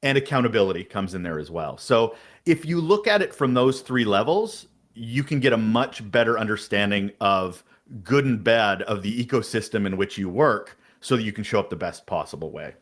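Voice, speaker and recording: A man guesting on a podcast answers interview questions about leadership with energy and emphasis, even talking about having a big voice. His voice is lowish and his speed normal.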